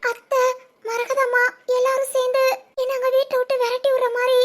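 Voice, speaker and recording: A woman's voice: very high-pitched, completely flat delivery, moderate pace. A woman playing a frightened young pregnant wife who stammers and hesitates in a village family drama. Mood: fearful.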